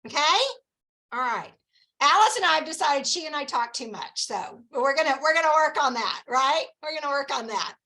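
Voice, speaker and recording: A woman coaching her sales team in a lively, chatty, encouraging way, with folksy asides. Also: high-pitched, normal speed, rough recording.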